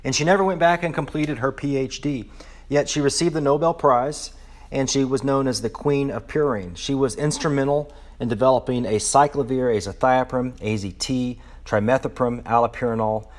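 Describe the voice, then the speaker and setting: Man giving a history lecture. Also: medium pitch. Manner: admiring, storytelling lecture delivery. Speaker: dermatologist presenter.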